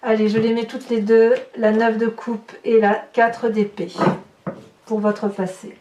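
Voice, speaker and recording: Improvising a tarot reading for her channel's viewers, a woman speaks in a mellow, level, slightly high voice at a somewhat slow pace. Now and then she exclaims in astonishment at the cards, and the distant mic captures roomy echo and background noise.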